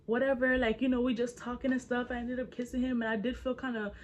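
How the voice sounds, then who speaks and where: A woman in her twenties telling a casual storytime to her viewers, animated and slangy, speaking straight to the audience. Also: on the high side, fast, highs cut off, slight background noise. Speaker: storyteller, vlogger.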